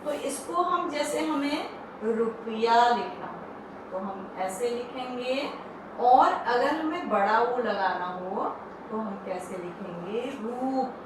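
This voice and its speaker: Slow, patient woman teaching Hindi. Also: on the high side, distant mic. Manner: slow, patient explaining with questions to the class. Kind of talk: classroom lesson for children. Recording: echoey room, off-mic, faint hiss.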